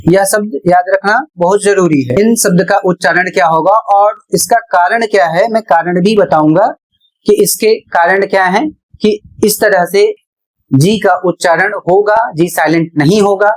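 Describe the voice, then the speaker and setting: A woman's voice: mid-range voice, normal speed. A woman teacher explaining English pronunciation rules in a classroom-style lesson, spelling words out letter by letter.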